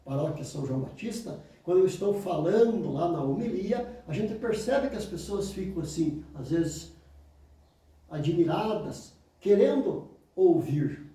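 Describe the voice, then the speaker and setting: A man's voice: lively intonation, unhurried, dark tone. Emphatic Brazilian man in an echoey room. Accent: Brazilian Portuguese. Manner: emphatic, mimics excuses in a higher voice, then answers low and firm. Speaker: oratory teacher. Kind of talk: motivational lecture. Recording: very echoey room, mic far off.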